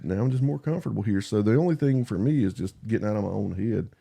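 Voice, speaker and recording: A man with a country drawl talks candidly and casually, halting and repeating himself, putting himself down and swearing easily. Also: fairly low pitch, gravelly, warm tone, husky. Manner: halting and repetitive, self-deprecating, swears casually. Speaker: podcast guest and YouTube creator.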